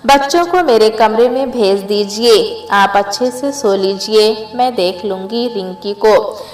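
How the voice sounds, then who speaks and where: A woman voicing a calm, caring daughter-in-law who looks after the family, in a read-aloud family story. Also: medium pitch, takes it slowly, reverberant, faint music behind, natural voice, low-quality recording. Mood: soothing. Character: gentle, sensible daughter-in-law.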